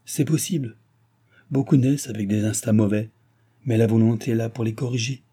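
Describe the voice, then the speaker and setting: A man's voice: medium pitch, fairly even intonation, a little fast, dark tone, slightly rough, natural voice. A man playing a cold, arrogant young man who lectures with disdain in a read-aloud novel.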